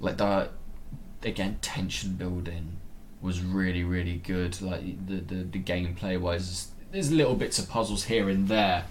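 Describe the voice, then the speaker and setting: A man's voice: low-pitched, a little slow, slight background noise. A man co-hosting a podcast in natural, unscripted casual chat, rambling and enthusiastic about films and games. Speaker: podcast co-host.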